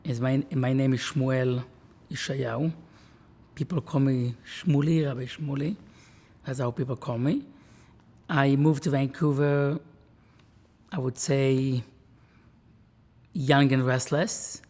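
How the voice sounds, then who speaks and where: A man's voice: medium pitch, steady tone, a little mellow. A man, a rabbi talking earnestly and reflectively in an interview. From Israel. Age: 40s. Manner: earnest, measured, with restarts.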